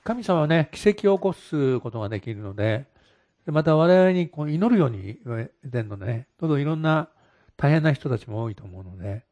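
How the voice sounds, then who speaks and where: A male pastor opens and closes a church testimony in an easygoing, expressive way. His pitch moves around a lot, and his voice is warm and mellow. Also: fairly quick, highs cut off. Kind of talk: sermon introduction.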